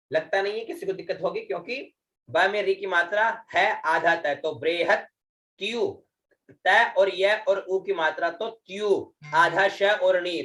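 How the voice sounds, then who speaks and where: A man's voice: high-pitched, bright, forceful tone. A man teaching Vedic recitation in an online class, speaking patiently, checking in with the students again and again, and drawing out chanted syllables. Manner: slow, patient, repeats words and drawn-out chanted syllables; frequent checking fillers.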